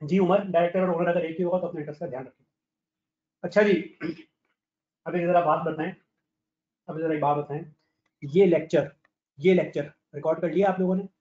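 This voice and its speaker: A male teacher with a slightly hoarse voice, giving an online lecture in a blunt, scolding way and calling on students by name. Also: fairly high pitch, fairly even intonation, fairly quick, long pauses, dark tone. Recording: echoey, dull lo-fi online class audio.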